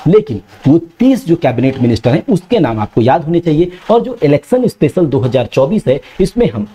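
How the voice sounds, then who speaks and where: A man giving an exam-prep lecture, briskly running through a list and often adding reminders to remember. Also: on the high side, sing-song, dark tone, husky.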